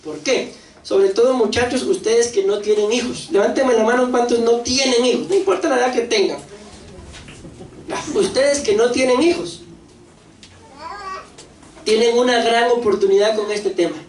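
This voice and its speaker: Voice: medium pitch, moderate pace, long pauses. Costa Rican pastor preaching in an echoey hall. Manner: lively, asks the congregation questions and acts out quoted voices. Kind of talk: sermon. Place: church hall. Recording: echoey church hall, distant mic, faint noise.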